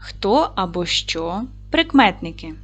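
Lively-voiced woman teaching young children. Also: lowish voice, soft background music. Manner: clear, slow, encouraging classroom delivery. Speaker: primary school teacher. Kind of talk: video lesson for young children.

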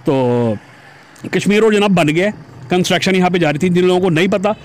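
Heard through a helmet-mounted camera, a Pakistani motovlogger talks to his audience with a high voice at a slightly quick pace. He rides through busy city streets, chatting casually and calling viewers "janab".

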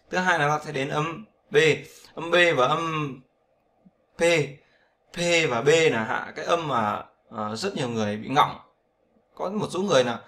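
A man's voice: medium pitch, a bit bright. A man teaching English pronunciation in Vietnamese, repeating sounds and often checking with "right?". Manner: repetitive, drills sounds, asks "right?" often. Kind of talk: casual spoken lesson.

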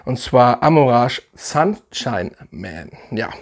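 A man's voice: mid-range voice, big pitch swings, takes it slowly. Enthusiastic rambling man reviewing fragrances. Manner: enthusiastic, rambling, lots of fillers and restarts. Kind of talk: casual video review.

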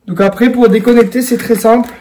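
This young adult presenter has a very high-pitched, mellow voice with a steady tone and a brisk pace. He makes a casual product tutorial video at home indoors, addressing viewers directly in an informal way.

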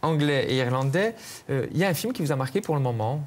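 A TV talk show host, brisk and polished, introducing segments and questioning guests. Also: male voice, medium pitch, animated, darkish tone, slight background noise. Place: TV studio.

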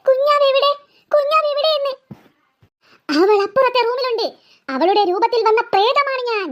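A woman voicing a menacing female ghost who poses as a little girl and makes slow, gloating threats in a cartoon. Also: extremely high pitch, animated, lo-fi sound. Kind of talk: cartoon voice acting.

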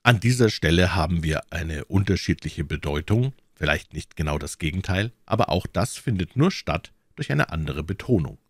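A man explaining German grammar to learners, talking slowly and carefully and walking through examples. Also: low-pitched, lively intonation, breathy edge, no echo, clean studio sound. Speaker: German teacher.

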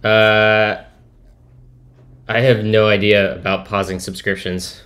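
A man's voice: fairly low pitch, level tone, takes it slowly, a bit bright. A man live-coding on a stream, thinking aloud and talking to chat in a musing, trailing-off way as he types.

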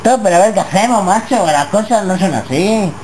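A caller with an accent from Spain speaks over a landline phone at a middling pitch. The talk is casual, slangy and insistent, full of questions and complaint. The line is clearly noisy. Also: animated, brisk. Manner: insistent, colloquial, repeatedly asking. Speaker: prank caller.

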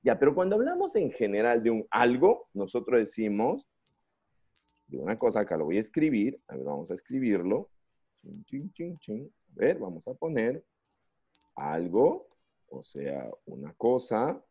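A Peruvian man leads an online English lesson in a lively, playful way. His pitch swings widely as he prods the students with questions, and his tone is mellow and dark. He comes through a video call with slightly dull, lo-fi audio. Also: normal speed, husky. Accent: Peruvian Spanish. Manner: lively, coaxing, playful, asks many questions. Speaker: English teacher. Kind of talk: online class for young students. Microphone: computer mic on a video call.

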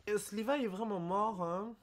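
A young man with a Québécois French accent giving casual reaction commentary, excitable and apologetic, blurting out English exclamations. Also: high-pitched, normal speed, a little hiss or hum. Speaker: anime reaction YouTuber.

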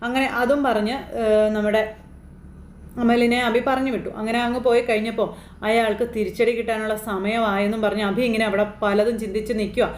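A woman's voice: fairly high pitch, steady tone, brisk. A woman casually retelling a TV serial episode in a chatty way, with asides to the listener. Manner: chatty, tag-question asides. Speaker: serial recap narrator. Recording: roomy with faint noise.

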